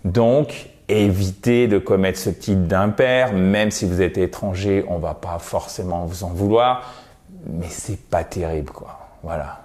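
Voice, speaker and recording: A man's voice: low voice, a little slow, darkish tone. A man teaching English to French speakers in a video lesson, explaining patiently and playfully exaggerating example pronunciations.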